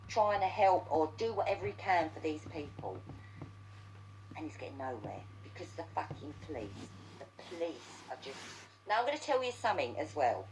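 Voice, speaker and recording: A woman with a low, deep voice vents in a heated monologue. She swears freely and stumbles over repeated words as her anger builds. A faint hum sits underneath. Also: rough recording. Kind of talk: angry ranting monologue.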